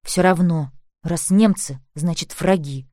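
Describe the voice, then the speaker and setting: A woman's voice: fairly low pitch, unhurried, mellow, dry recording, studio quality, natural voice. A woman voicing an older teenage girl from a labor camp, bitter and snapping, in an audiobook.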